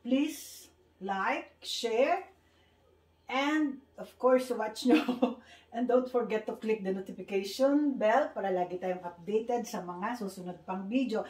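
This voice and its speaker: A woman's voice: fairly high pitch, slow pace, darkish tone. A woman who speaks Tagalog as a first language, teaching Korean letters to learners, patiently repeating sounds and mixing in English. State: speaking carefully due to a tooth problem. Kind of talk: online language lesson. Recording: echoey room, faint hiss.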